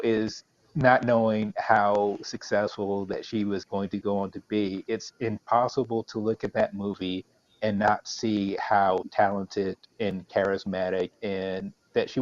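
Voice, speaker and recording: Low-voiced enthusiastic man, dry audio. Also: measured pace, a little mellow, no room sound, lo-fi sound. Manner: enthusiastic, emphatic praise. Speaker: guest. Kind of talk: casual chat.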